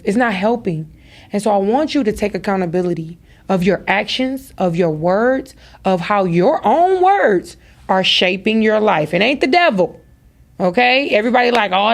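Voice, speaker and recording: A woman and mother hosting a podcast, giving a motivational talk straight to her listeners with emphatic repeated phrases. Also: mid-range voice. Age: adult with daughters. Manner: speaks to listeners directly, preacher-like. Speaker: podcast host.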